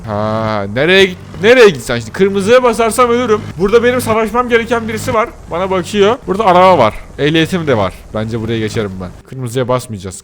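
A young man giving casual commentary on a game he plays, excitable and often breaking into shrieking outbursts. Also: fairly high pitch. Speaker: gaming YouTuber. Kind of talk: casual Let's Play commentary.

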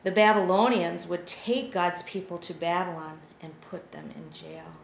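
A woman's voice: fairly low pitch, moderate pace, gravelly. Casting: female preschool Sunday school teacher with a kids show host delivery, simple prompting phrases, echoey room with faint noise. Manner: simple words, addressing young children with questions and prompts. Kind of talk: children's Bible lesson told like a kids show host.

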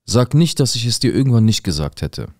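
A man's voice: mid-range voice, sing-song, brisk, a little mellow, no room sound. A man voicing a worried teenage girl who pleads and warns her boyfriend, recorded dry and close. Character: anxious teenage girl, secretive girlfriend.

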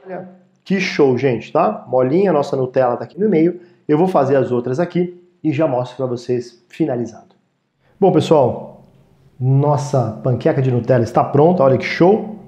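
This cooking show host is a man in his thirties with a mellow, medium-pitched voice and a normal speaking speed, captured with lo-fi sound. Running a casual demo in a small indoor home-style studio kitchen, he keeps things friendly and chatty, checking in with viewers and asking "tá, gente?" again and again.

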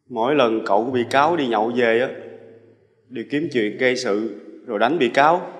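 An actor playing a young male defendant who answers the court haltingly and deferentially. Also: mid-range voice, long reverb tail, lightly acted. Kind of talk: dramatized courtroom testimony.

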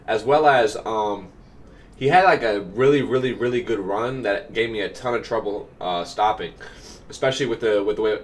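This gaming coach and YouTuber in his twenties has a mid-range voice, a bit nasal because of a cold, with slight background noise. Sitting in a small room at home, he casually explains his own gameplay in an upbeat way, dotting his talk with fillers.

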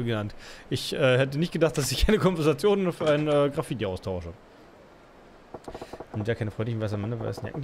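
A man's voice: medium pitch, slight background noise. A man casually commenting on his gameplay as a let's play host, muttering and rambling with many fillers.

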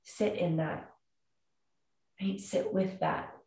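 A woman guides a calm grounding exercise in a slightly low voice. She speaks very slowly and soothingly, leaving space between short instructions. She sounds set back from the microphone in an echoey room. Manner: calm, soothing, unhurried instructions with long pauses. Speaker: meditation guide. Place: indoor room with wooden floor and plank wall. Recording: roomy echo, distant microphone.

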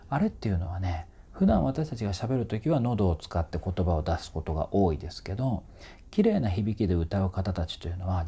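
A man's voice: on the low side, mellow, husky. A man working as a voice trainer, explaining singing technique in a chatty, informal way and demonstrating vowel sounds.

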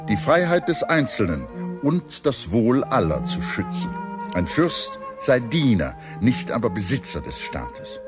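A deep, expressive male voice delivers scripted documentary narration, including dramatized quotes, with background music playing under him.

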